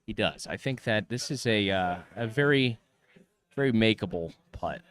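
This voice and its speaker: A man giving play-by-play golf commentary in a measured broadcast manner, full of course jargon. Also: fairly low pitch, animated, fairly bright tone, clean tone, no room sound.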